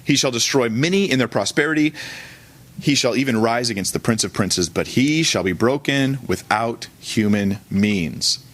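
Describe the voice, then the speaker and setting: A pastor with a mid-pitched, fairly bright voice teaches during a church service at a moderate pace. He explains things informally and colloquially, correcting himself as he goes.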